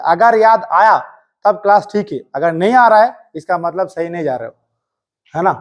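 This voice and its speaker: Guy teaching a hindi class, kinda high voice, keeps firing questions at students, strict but joking. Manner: quizzing students with rapid call-and-response. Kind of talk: live classroom lesson. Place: coaching classroom.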